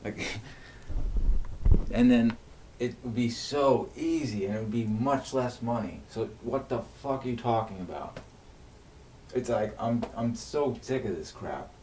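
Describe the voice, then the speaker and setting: A man's voice: medium pitch, unhurried, a little mellow. Guy ranting and cursing on stream, echoey room, faint hiss behind. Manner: agitated, swears heavily, rants with frequent restarts. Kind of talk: unscripted venting monologue on a livestream. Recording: echoey room, mic at a distance, faint noise.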